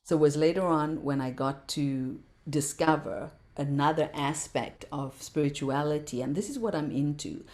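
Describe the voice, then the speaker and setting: Low, mellow-voiced woman talking passionately. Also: normal speed, few pauses. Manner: passionate, repeats words for emphasis. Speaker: podcast guest, meditation teacher. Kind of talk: casual interview talk.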